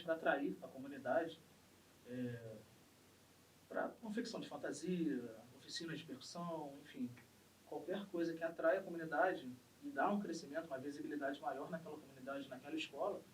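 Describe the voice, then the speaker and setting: A man's voice: a little high, far from the mic, slight background noise, low-quality recording. A man who leads a samba school's drum section, speaking with a Brazilian accent from the Rio area in a casual podcast conversation, earnest and opinionated, building to emphatic peaks. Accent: Brazilian Portuguese, Rio de Janeiro state.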